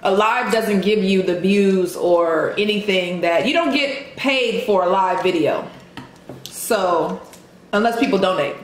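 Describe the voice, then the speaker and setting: A woman's voice: mid-range voice, unhurried. A woman in her thirties having a casual chat as she eats at a table. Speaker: co-host of mukbang video. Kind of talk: casual chat while eating. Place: indoor room at a table, eating. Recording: very echoey room, faint noise.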